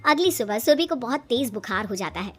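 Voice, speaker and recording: A woman narrating a cartoon moral story in a brisk storytelling manner. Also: fairly high pitch, expressive, noisy background. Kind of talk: storybook narration with acted dialogue. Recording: light background music.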